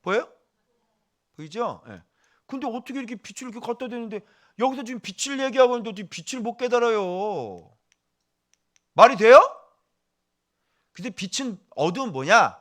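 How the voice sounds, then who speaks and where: A male pastor preaching a sermon, animated and firing questions at the congregation, dropping to a hush for asides. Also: extremely high pitch, moderate pace, long pauses.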